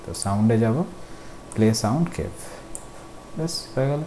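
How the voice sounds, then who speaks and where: A man's voice: mid-range voice, lively intonation, normal speed, warm tone. A man teaching a coding class. He explains patiently, step by step, and asks his students questions. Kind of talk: screen-recorded tutorial. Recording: faint background noise.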